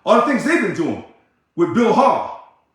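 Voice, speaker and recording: A man, an ousted union leader, delivering a combative, sarcastic ranting monologue that repeats itself and bursts into shouting. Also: sits high, big pitch swings, unhurried. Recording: very echoey room.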